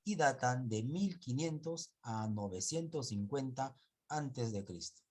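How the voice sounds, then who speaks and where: Male teacher, husky, slow and patient, repeats sounds aloud and checks in with the class. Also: medium pitch, expressive, a little mellow. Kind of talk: spelling and pronunciation class. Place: online class in 2021.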